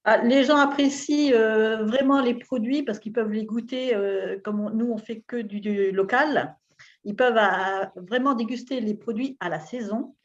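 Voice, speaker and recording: A woman's voice: a little high, a little slow, muffled recording. A woman local food producer proudly answering a panel question. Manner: proud, eager.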